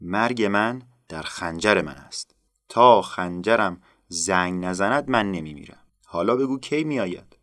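A man voicing a brave young male hero in a told folktale, speaking in a steady, reassuring way. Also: deep voice.

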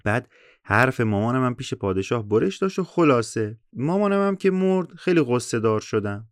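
A man's voice: lowish voice, no room sound, studio quality. A man who reads a folk tale aloud and keeps breaking into casual, joking spoken comments. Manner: switches between a bookish reading and slangy joking comments. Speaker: storyteller.

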